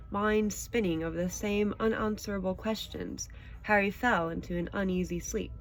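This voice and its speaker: A woman who hosts a show and reads audiobooks gives expressive storybook narration, followed by a casual chat about the stories with a child listener. Her medium-pitched voice is a little mellow, and there's slight background noise.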